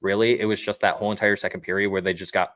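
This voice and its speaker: A man hosting a casual sports podcast from home, easygoing and steady, putting questions to his co-host. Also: lowish voice, rapid-fire, no room sound. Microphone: home desk microphone.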